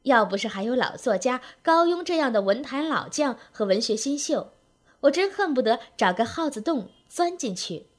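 Higher-voiced woman telling a comic tale. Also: normal speed. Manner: lively, wry narration with rhythmic phrasing. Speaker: storyteller. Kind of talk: spoken comic storytelling.

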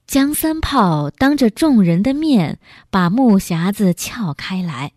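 Slow, expressive woman storyteller. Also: medium pitch, no echo, clean studio sound. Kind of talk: dramatic story narration.

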